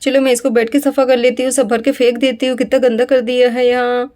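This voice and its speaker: A woman's voice: fairly high pitch, flat delivery, darkish tone, natural voice. A woman voicing a busy young village mother who fusses and scolds fondly as she cleans up after a baby. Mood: brisk. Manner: brisk, chatty, fussing over a baby.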